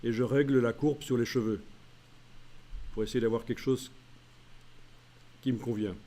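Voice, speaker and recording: A man giving a screen-recorded software tutorial, calling out each menu step aloud with frequent hesitant pauses. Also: medium pitch, steady tone. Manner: walks through menu steps aloud, many "euh" pauses. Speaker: software trainer.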